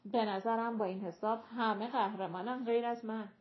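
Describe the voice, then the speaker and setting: A woman voicing a touchy, dramatic young woman with a shrill, sulky voice, in an audiobook. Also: steady tone, lo-fi sound, lightly acted. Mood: hurt.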